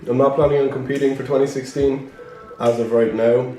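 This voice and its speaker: A young man chatting casually as a fitness vlogger, his voice hoarse and worn, chuckling between answers. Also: medium pitch, level tone, fairly quick, warm tone. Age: young adult. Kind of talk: casual chat. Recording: echoey room with music behind.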